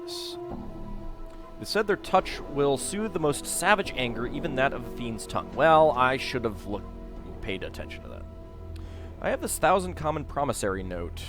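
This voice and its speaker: A man narrates a video game playthrough with a very lively, swinging intonation. He reads story text aloud and comments casually over clearly audible music. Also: mid-range voice, moderate pace. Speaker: let's play host.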